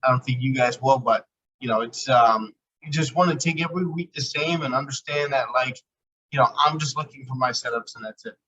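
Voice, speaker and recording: A man, a trading coach, talking through a weekly market outlook in a loose, filler-heavy way, his voice coming through a low-sample-rate laptop mic that sounds robotic. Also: fairly quick, pushed and bright, breathy edge, muffled recording.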